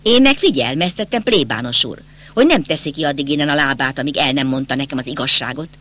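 A man's voice: medium pitch, animated, bright, forceful tone. A man voicing a bitter, agitated young nobleman in an audiobook, speaking insistently and accusingly. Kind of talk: audiobook character reading.

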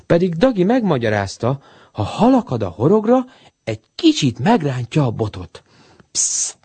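A man reading a children's storybook aloud in an expressive, animated way. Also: on the high side, husky, no echo.

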